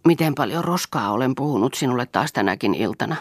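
A woman reading the part of a brooding, self-mocking older man in a low, quiet, reflective voice. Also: expressive, breathy edge, no echo, studio quality, full character voice.

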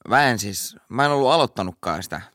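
A man's voice: on the low side, expressive, fairly bright tone, dry recording, studio quality. A man co-hosting a podcast, chatting casually and hesitantly with many fillers. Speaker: podcast co-host.

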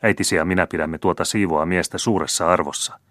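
A noble father, voiced by a male audiobook reader, joking lightly and quick to grow impatient. His voice is low and dry. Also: fairly even intonation, fairly bright tone, no echo. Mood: jesting, impatient. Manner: jesting, impatient.

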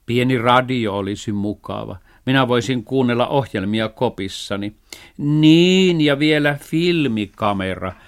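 A man's voice: medium pitch, smooth, lightly acted. Man doing an eager dog, earnest, kids story reading. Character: earnest, eager young male farm dog.

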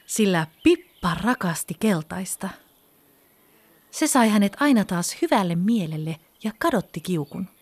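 Expressive woman reading a children's story. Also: mid-range voice, slightly rough. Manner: expressive, with hushed whispered passages.

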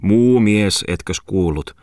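A man's voice: fairly low pitch, dry recording, studio quality, pitched above the performer's own voice, lightly acted. A man voicing an older miller who calls out half joking, half serious. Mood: teasing. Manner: calling out, half teasing.

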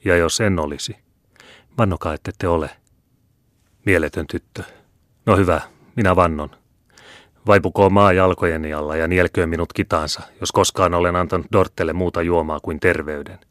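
A man voicing a stern, scheming Jesuit monk who speaks with low, commanding menace. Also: steady tone, a bit bright, dry recording, clean studio sound. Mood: scornful.

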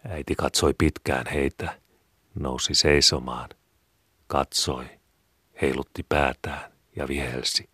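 A man reads a story aloud, calm and measured. His voice is extremely deep. The recording is dry and close, with no room sound. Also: breathy edge, no echo. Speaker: story reader. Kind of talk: storybook narration.

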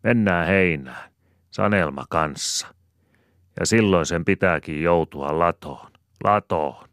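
A man's voice: deep voice, fairly bright tone, no room sound, studio quality. A man doing a teasing village woman. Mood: mocking. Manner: teasing, laughing jibes.

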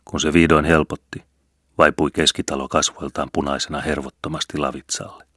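A man reading a novel aloud as audiobook narrator, measured and steady, on a close mic. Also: extremely low pitch, no room sound. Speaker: audiobook reader. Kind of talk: scripted narration.

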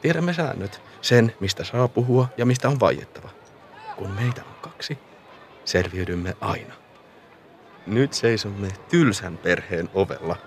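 Man narrating as a boy, low voice, calm reflective radio play narration, noise behind. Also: close to an everyday voice. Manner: calm, reflective, often hushed. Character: a boy remembering his childhood.

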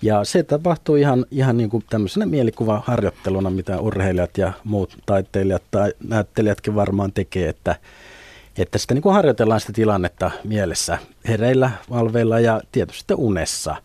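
A middle-aged man, a lucid dreaming instructor, explaining things in a relaxed way on a radio talk show and chuckling now and then. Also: on the low side, dry recording. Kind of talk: radio studio conversation. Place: radio studio.

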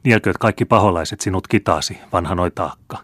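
A hot-blooded teenage count, as an audiobook reader plays him, impatient and quick to take offence. The voice stays very low and the recording is dry and close. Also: male voice, a bit bright, no room sound. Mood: enraged. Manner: impatient and indignant. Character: hot-blooded seventeen-year-old young count. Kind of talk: audiobook character reading.

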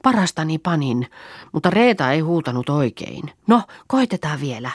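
A woman's voice: low-pitched, sing-song, husky, no room sound, studio quality, pitched above the performer's own voice, exaggerated voice. A woman voicing a plucky young farm girl who talks bluntly and jokes.

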